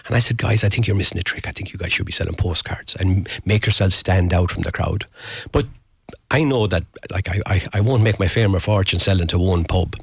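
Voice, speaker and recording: A man's voice: sits low, a little fast, creaky, breathy edge, no echo, clean studio sound. A man with a Galway, west of Ireland accent, chatting informally as a guest in a radio interview. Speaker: guest, postcard designer.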